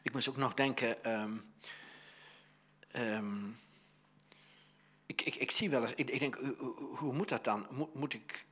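An older man preaching with a Dutch accent, chatty and halting, full of restarts as he acts out little stories. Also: mid-range voice, fairly bright tone, husky. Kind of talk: conversational sermon.

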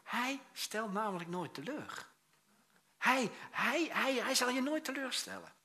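A male preacher delivers a lively sermon, full of asides and restarts. His voice is bright and forceful. He swings between loud bursts and quiet, dropped phrases. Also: very high voice, a little slow. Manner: animated storytelling with many restarts and asides; acts out quoted voices, swings loud and soft.

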